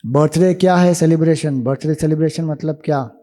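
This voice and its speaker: A man giving a spiritual discourse, explaining ideas slowly with rhetorical questions to listeners in a hall. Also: a little high, dark tone. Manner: slow, deliberate, rhetorical questions. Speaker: spiritual teacher. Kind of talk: Vedanta discourse to youth camp.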